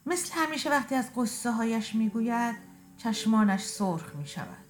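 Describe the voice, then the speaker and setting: A woman reading a short first-person story aloud in a quiet, reflective, tender way. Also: a little high, very animated, a little hiss or hum.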